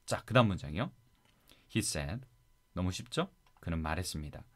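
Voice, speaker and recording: A man with a Korean accent teaching English Bible verses in a lively classroom style, coaxing listeners to repeat after him. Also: low-pitched, normal speed.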